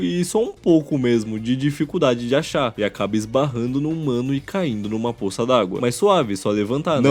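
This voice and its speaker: A man's voice: on the high side, a little mellow. A Brazilian man hosting a scripted commentary recap in a sarcastic, mocking tone. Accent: Brazilian Portuguese. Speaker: host.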